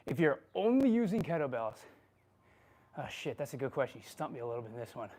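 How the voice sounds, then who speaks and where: A man's voice: medium pitch, very animated, quick pace, dark tone. A man answering live chat questions while working out at home, out of breath, casual and swearing freely. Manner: casual and profane, laughing often. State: out of breath from exercise. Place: home workout space.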